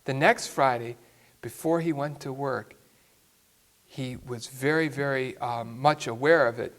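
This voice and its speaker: A man's voice: medium pitch, a little slow, fairly bright tone. A man, a priest, telling a story in a sermon with an emphatic way of speaking.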